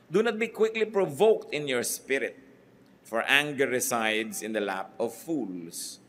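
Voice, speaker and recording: An older Filipino-accented man preaching a sermon from the pulpit. His voice sits at an ordinary middle pitch, and he moves easily between two languages, posing rhetorical questions to the congregation. A faint hum of room noise lies underneath. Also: sharp tone. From Philippines. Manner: switches freely between Tagalog and English, asks rhetorical questions. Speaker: pastor.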